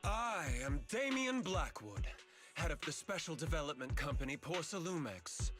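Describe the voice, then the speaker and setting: A man's voice: a little high, very animated, moderate pace. A man voicing a smug, suave corporate executive villain in a video game, formal and polished with veiled threats. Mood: formal, smooth. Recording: loud music behind the voice.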